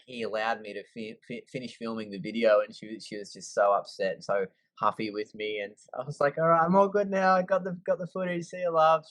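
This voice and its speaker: A man's voice: lowish voice, fairly bright tone, no echo, rough recording. Laid-back Australian man, dry sound. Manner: laid-back, easygoing, lots of fillers. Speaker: guest. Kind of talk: casual storytelling.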